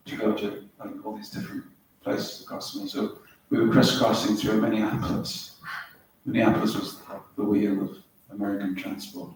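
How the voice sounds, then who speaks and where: A man's voice: fairly low pitch, vocal fry. A middle-aged man from Wales, giving a spiritual talk to a small group, telling stories and tracing words step by step. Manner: storytelling, anecdotal, explains words step by step. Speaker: spiritual teacher. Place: yoga center hall. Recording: roomy hall, mic at a distance, faint hiss.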